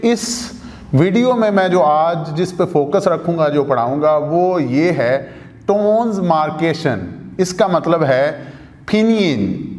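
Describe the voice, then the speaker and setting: Man, Pakistani Urdu accent, language teacher, repeats himself, asks and answers own questions, high voice, reverberant studio. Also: darkish tone. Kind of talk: video lesson explaining rules.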